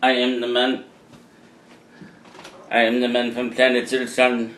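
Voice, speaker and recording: A man voicing a hungry male alien from another planet, making slow, flat, deliberate pronouncements. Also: mid-range voice, slight background noise, close to an everyday voice. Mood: deadpan. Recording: roomy echo.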